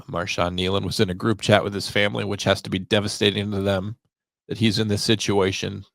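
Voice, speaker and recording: A 911 dispatcher hosts a podcast, offering reflective solo commentary in halting, deliberate phrases. His voice sits low with vocal fry, recorded without echo.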